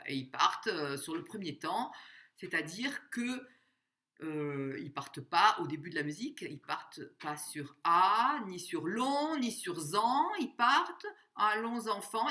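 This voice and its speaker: A woman giving a spoken music lesson, explaining slowly, singing short examples and counting out the beats. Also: lowish voice, fairly bright tone. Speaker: music teacher.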